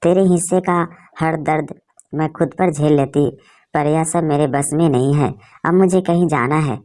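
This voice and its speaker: A woman's voice: sits low, normal speed, warm tone, close to an everyday voice. Woman doing a grieving, tender mother. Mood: tearful. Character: grieving loving mother, soft and sorrowful.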